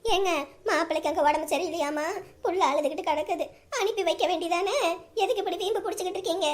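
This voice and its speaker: A sharp-tongued middle-aged mother, acted by a woman, very high-pitched and quick, scolding and defiant. She fires back at her husband without pausing. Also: soft background music.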